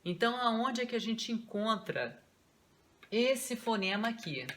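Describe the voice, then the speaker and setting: A Brazilian woman teaching English pronunciation online, explaining patiently step by step and slowly repeating example words. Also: a little high, expressive, fairly bright tone, slight background noise. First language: Portuguese.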